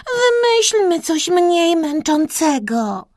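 A woman's voice: sits high, fairly even intonation, slow pace, fairly bright tone, no room sound, studio quality, pitched above the performer's own voice. A woman voicing a playful young girl mouse in a children's story. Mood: whiny.

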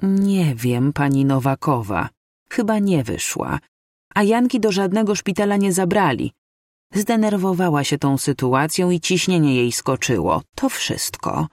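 Brief: tart, curt older neighbour woman, put on by the reader, raised pitch, dry. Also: lively intonation, a little slow, darkish tone, dry recording.

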